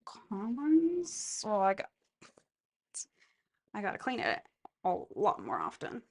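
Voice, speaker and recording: A woman's voice: mid-range voice, wildly swooping pitch, takes it slowly, darkish tone. A woman vlogging casually while she does chores, thinking aloud in a rambling way. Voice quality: gravelly vocal fry. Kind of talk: casual, rambling self-filmed chat while cleaning.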